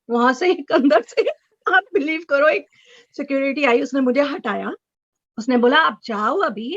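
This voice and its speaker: A middle-aged woman telling an excited story as an interview guest on a video call, sometimes breaking into high squeals. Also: no echo. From Chicago resident. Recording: dull, dry video call audio.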